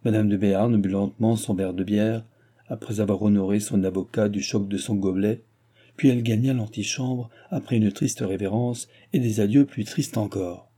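A man narrating a classic novel in a steady, measured audiobook reading. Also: on the low side, breathy edge.

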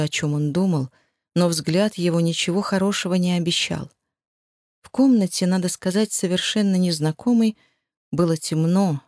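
Audiobook: woman narrator, lowish voice, measured and expressive, dry close mic. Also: no echo. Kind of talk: first-person scripted narration.

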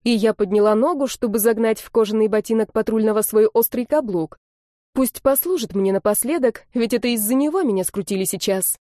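A woman narrating a first-person audiobook in a lively, expressive storytelling manner. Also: a little high, fairly quick, no echo, clean studio sound.

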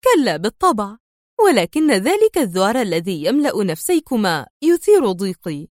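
A woman voicing a clever female spy in disguise who talks in a calm, sly and sarcastic way. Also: mid-range voice, moderate pace, no room sound, studio quality, natural voice. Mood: sharp mocking.

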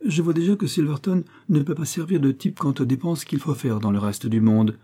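A man reading aloud voices a vain, pompous middle-aged widow who scolds her niece haughtily, with sudden rises in pitch. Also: a little fast, warm tone, slightly rough. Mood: haughty.

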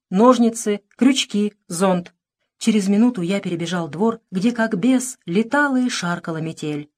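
A woman reading a literary audiobook with measured, expressive narration. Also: mid-range voice. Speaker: audiobook reader.

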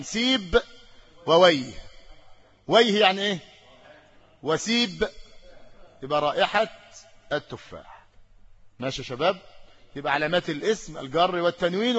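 A man with an Egyptian Arabic accent teaching an Arabic grammar lesson, quizzing his students and stretching out key words slowly for emphasis. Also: sits high, expressive, a bit bright, husky, muffled recording. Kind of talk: classroom lesson with questions to students.

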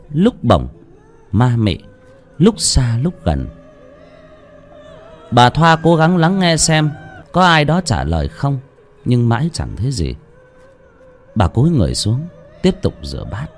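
A man narrating a ghost story in a lively, dramatic reading. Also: mid-range voice.

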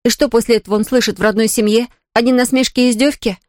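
A woman narrating a children's story in an expressive, steady way. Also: a little high, fast talker, no echo, clean studio sound.

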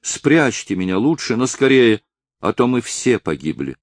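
A man's voice: medium pitch, sing-song, moderate pace, dry recording, studio quality, voice pushed up, close to an everyday voice. A man voicing a terrified teenage peasant girl. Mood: pleading, frantic. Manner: breathless, desperate pleading. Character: frightened fifteen-year-old peasant girl, pleading.

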